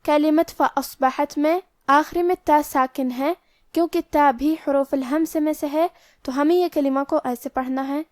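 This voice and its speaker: A woman with a high voice explains recitation rules slowly and carefully, one point at a time. The recording is dry and close, with no room sound. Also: fairly even intonation, no echo. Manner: slow, careful, step-by-step explanation of pronunciation rules. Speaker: Quran recitation teacher. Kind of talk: tajweed lesson.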